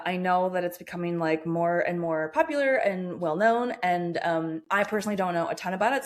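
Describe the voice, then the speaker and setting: A woman hosting a podcast, upbeat and enthusiastic, chatting casually with many fillers. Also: lowish voice. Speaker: podcast host. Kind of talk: casual interview chat.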